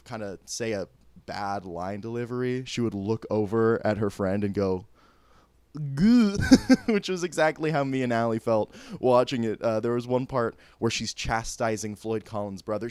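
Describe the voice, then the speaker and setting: A man's voice: fairly low pitch, a little mellow, dry recording. A man chatting casually and candidly as a vlogger, joking, laughing mid-sentence and stumbling over restarts. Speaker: vlogger reviewing theater shows. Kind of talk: casual opinionated chat.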